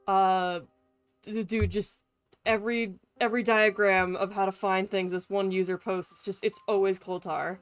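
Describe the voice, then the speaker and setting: A woman streams a game with a smooth, mid-range voice, offering casual, irreverent commentary full of swearing. Faint game music plays behind her.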